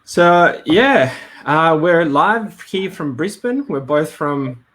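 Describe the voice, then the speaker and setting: A man's voice: on the high side, expressive, takes it slowly, fairly bright tone. A man hosting a live webinar in a casual, hesitant way, with many fillers and restarts. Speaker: webinar host. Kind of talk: casual live-stream talk. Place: Brisbane.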